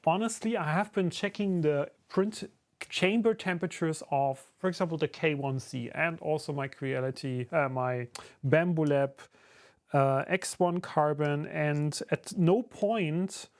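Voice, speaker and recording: Unhurried and fairly high-voiced, this German streamer casually talks in English with a German accent as he builds a 3D printed enclosure. He responds to his chat along the way. He sounds relaxed, and fillers are common in his speech.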